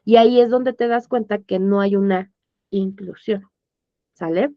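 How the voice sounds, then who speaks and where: A woman's voice: mid-range voice, measured pace, no echo. A woman with a Mexican accent teaching an online course in a conversational way, often checking that her listeners follow. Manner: conversational, checks understanding with tag questions. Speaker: course instructor. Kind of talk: informal online lesson. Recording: dull, dry lo-fi audio.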